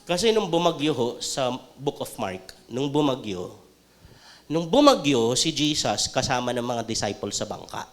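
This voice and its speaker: A man preaching a sermon as a pastor, with a Filipino accent, joking one moment, loud the next, then dropping to quiet earnest talk. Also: sits high. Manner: animated, jokey preaching that swings between loud outbursts and quiet talk.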